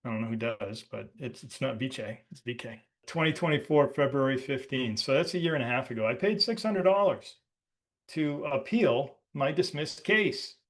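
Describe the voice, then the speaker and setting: A man's voice: mid-range voice, animated, normal speed. A man from the United States hosting a podcast, explaining legal ideas in a loose, conversational way with wry asides. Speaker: podcast host. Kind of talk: casual explanatory talk.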